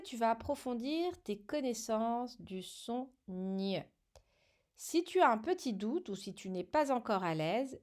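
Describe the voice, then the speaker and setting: A woman with a French accent gives a children's phonics lesson at an unhurried pace. Her voice sits a little high. She articulates each word clearly and patiently, as if for a young pupil taking dictation. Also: a little mellow. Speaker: teacher.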